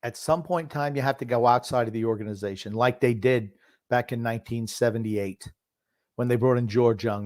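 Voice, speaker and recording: A middle-aged or older man, a sports talk show host known as the grumpy old man, comments casually and with firm opinions in a medium-pitched voice. He reminisces and repeats phrases for emphasis, and the studio sound is clean with no room sound.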